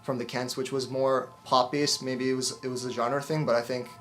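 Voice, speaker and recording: A band member giving a relaxed interview answer, often repeating words. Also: male voice, medium pitch, normal speed, faint music behind.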